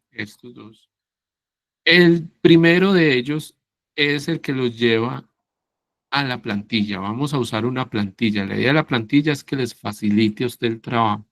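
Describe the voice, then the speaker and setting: A man teaching English in an online class, explaining slowly and patiently and often checking that his students follow along. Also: mid-range voice, vocal fry, fairly bright tone, no room sound. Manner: slow, patient, checks understanding with "¿sí?" and "¿cierto?".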